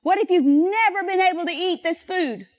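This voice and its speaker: A woman preaches in a high voice, drawing the congregation into call-and-response and slowing down to stress each verse. The recording is dull and lo-fi. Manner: animated, slows down to stress scripture and leads the crowd in repeating lines.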